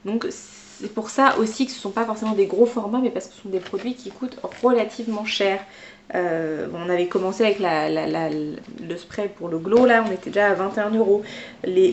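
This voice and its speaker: A woman's voice: mid-range voice, slight background noise. A woman vlogger, a teacher by trade, chatting casually and spontaneously as she unboxes small gifts.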